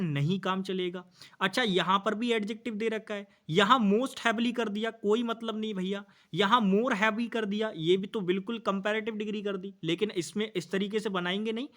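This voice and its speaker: High-voiced male English teacher. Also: bright, forceful tone. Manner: explains patiently, asks students questions, calls them bhai and bhaiya; reads example sentences slowly and clearly. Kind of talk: exam-prep grammar lesson.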